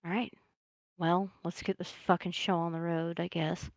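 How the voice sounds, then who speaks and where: A woman's voice: lowish voice, little pitch movement, moderate pace, no room sound, natural voice. A woman voicing a tired but determined man who speaks in a grudging, sardonic way. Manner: dry, grudging.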